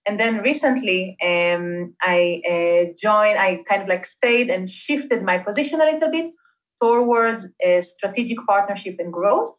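A woman's voice: medium pitch, animated, a little slow. Woman chatting with many fillers. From Israel. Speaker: guest, startup investment partnerships manager. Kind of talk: conversational interview.

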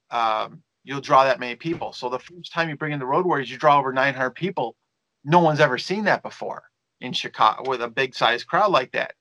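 A man's voice: medium pitch, pushed and bright, no echo, low-quality recording. A man who works as a wrestling promoter and manager, telling stories in a rambling interview with many fillers and restarts. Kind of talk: casual storytelling interview.

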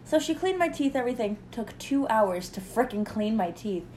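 A woman's voice: fairly high pitch, expressive, normal speed, darkish tone, slight background noise. A young woman in casual chat, telling a sarcastic story and mimicking the people in it. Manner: storytelling, mimics others in quoted dialogue, sarcastic.

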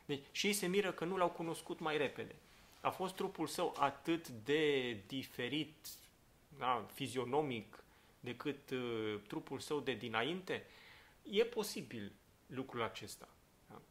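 Gravelly man teaching a Bible study. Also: medium pitch, expressive, fairly bright tone. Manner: thinking aloud with many fillers, checks in with "da?". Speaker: pastor.

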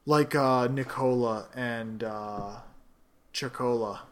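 A man's voice: medium pitch, takes it slowly. A man co-hosting a casual podcast from home, telling rambling, jokey stories about a game. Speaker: podcast co-host. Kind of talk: casual chat.

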